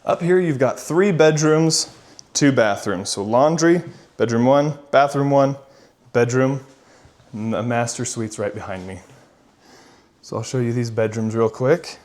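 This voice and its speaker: A man's voice: medium pitch, a little slow, darkish tone. A man working as a real estate agent gives a casual walk-through home tour in an upbeat, enthusiastic manner.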